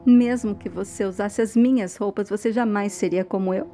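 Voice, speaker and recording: A woman's voice: mid-range voice, steady tone, moderate pace, a little hiss or hum, lightly acted. A woman reading a spoiled, fiery young woman. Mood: indignant. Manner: plain read-aloud, sharp and indignant.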